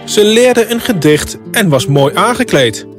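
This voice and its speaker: A man's voice: sits high, animated, measured pace, music in the background. A man reading a scripted fairy tale as a storybook narrator.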